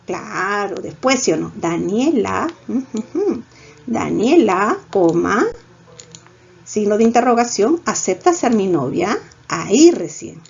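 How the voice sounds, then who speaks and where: A woman with a Peruvian Spanish accent, teaching a recorded grammar lesson in a lively, coaxing way, checking in with her students often. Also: medium pitch, measured pace, gravelly, breathy edge, muffled recording. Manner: lively, coaxing, peppers lines with "¿ya?".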